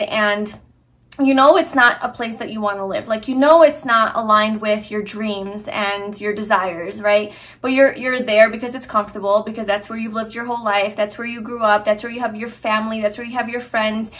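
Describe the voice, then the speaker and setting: This is a young Hungarian vlogger in casual personal talk, earnest and packed with fillers and false starts. She sounds a little high and a bit bright.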